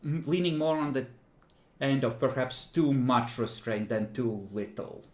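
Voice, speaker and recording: Male game master, improvised narration, wry and hesitant, slow pace, mid-pitched, echoey room.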